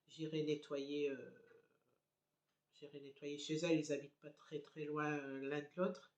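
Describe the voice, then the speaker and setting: A middle-aged woman chatting casually to her phone camera at home, rambling with many hesitant fillers. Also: deep voice. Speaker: family vlogger. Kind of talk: casual vlog chat to camera. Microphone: handheld phone camera. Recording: echoey home room.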